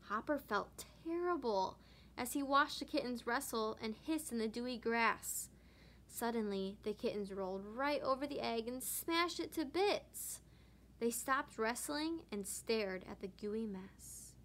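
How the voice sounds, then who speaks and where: A woman teacher reading a children's picture book aloud with expressive narration. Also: a little high, a little slow. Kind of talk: storybook read-aloud.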